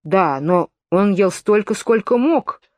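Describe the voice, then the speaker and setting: A woman's voice: mid-range voice, animated, takes it slowly, darkish tone, dry recording, clean studio sound. A woman voicing a smug, quarrelsome little twin brother who lectures and contradicts, in a storybook reading.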